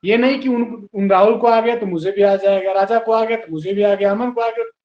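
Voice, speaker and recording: Male teacher, high voice, spells words out slowly, patient, roomy dull lo-fi classroom sound. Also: fairly even intonation. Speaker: English teacher. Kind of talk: classroom lesson.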